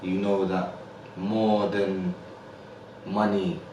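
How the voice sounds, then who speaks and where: A man's voice: low-pitched, flat delivery, drawn-out words, darkish tone, very echoey, distant mic, a little hiss or hum, rough recording. A man hosting a podcast in a casual interview, easygoing, with frequent fillers like "like" and "yeah.". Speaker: podcast host.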